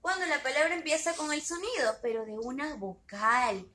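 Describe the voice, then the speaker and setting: A woman teacher giving a slow, patient lesson to young children, asking questions and repeating each word. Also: sits high, sharp tone, echoey room, rough recording.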